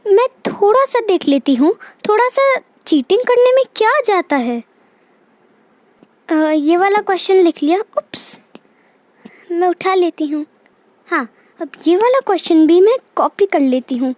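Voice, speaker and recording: Shrill, very high young schoolgirl doll, cheeky and careless, chatty, acted out for a doll story, dry close sound. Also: animated, a little slow, a little mellow, no echo. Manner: chatty, talks to herself. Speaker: daughter. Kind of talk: Hindi doll story voice-acting.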